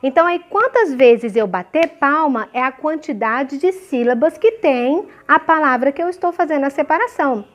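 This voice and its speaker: Teacher lady, high voice, slow and careful with the kids, keeps asking ok?. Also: lively intonation. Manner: slow, clearly syllabified examples with frequent checking questions. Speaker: primary school teacher. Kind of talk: remote lesson for young children.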